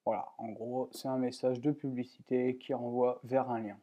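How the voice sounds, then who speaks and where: Speaking at a moderate pace, a man with a mellow, medium-pitched voice keeps a level tone, though the audio sounds dull. He presents a methodical, plain screen-recorded tutorial on a computer program, moving step by step with lots of fillers and repeated "voilà."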